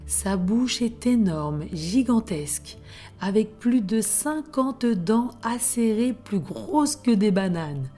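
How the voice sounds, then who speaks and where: A woman narrating a bedtime story for children in a soft, hushed manner, often dropping into a whisper. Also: mid-range voice, expressive, takes it slowly, soft background music.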